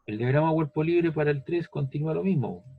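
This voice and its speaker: A man's voice: on the high side, a little fast, creaky, slightly rough, phone-quality sound. A man teaching a physics lesson step by step, patient, repeating each step and checking that the student follows. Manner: patient, repeats steps, asks "¿ves?" and "¿cierto?".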